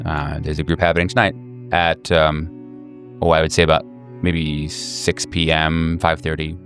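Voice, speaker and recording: This game master running a horror tabletop session has a low, deep voice that comes across monotone and a touch bright. He makes up his descriptions on the spot, pausing to search for words, with faint music in the background.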